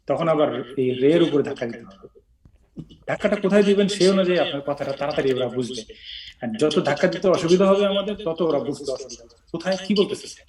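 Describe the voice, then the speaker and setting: A man from Bangladesh teaches English word stress in a relaxed chat, demonstrating each word out loud. His voice sits slightly high and sounds distant from the microphone. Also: a little fast.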